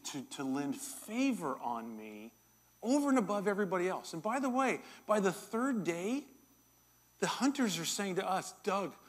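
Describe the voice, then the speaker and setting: A middle-aged man preaching a sermon as pastor, telling a personal story in an animated, self-deprecating way. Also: high-pitched. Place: church.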